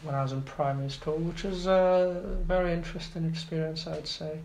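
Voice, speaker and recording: A man's voice: fairly high pitch, fairly even intonation, fairly quick, gravelly, a little mellow. Hesitant Iraqi-raised young man, roomy sound. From Iraq. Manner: hesitant, many fillers and restarts. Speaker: guest. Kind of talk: casual interview. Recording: roomy echo, faint background noise.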